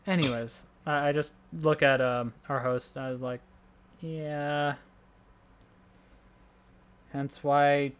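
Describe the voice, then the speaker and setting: A man playing a loyal young male character in a tabletop role-play, speaking in a casual, halting, sincere way. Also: on the high side.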